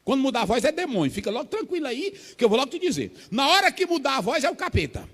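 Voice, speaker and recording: A man from Brazil preaching a Pentecostal sermon, animated and acting out scenes with voices. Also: extremely high pitch, quick pace, big-room sound. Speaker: pastor.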